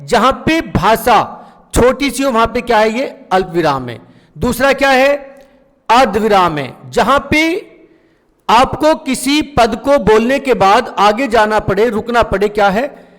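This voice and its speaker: A man's voice: extremely high pitch, expressive, unhurried, a bit bright, in a large hall. A man teaching a grammar lesson, who keeps asking rhetorical questions and then answering them himself.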